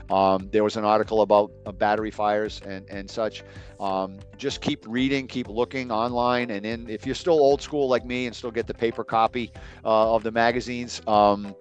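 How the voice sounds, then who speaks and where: A middle-aged man speaking as a guest expert on an online webinar, hesitant with many pauses and fillers. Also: medium pitch, muffled recording. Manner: hesitant, many ums, trailing off. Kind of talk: casual online webinar talk.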